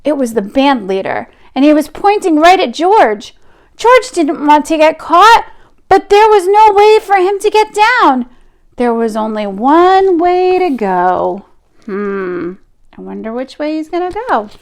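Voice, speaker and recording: Reading a picture book to kids, this high-voiced woman is expressive, stretching out words for emphasis. She also slips in chatty side comments.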